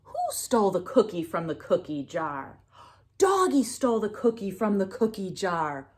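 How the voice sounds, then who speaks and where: Speaking at a medium pitch, a woman reads a picture book to small children, expressive and sing-song, breaking off occasionally to prompt them.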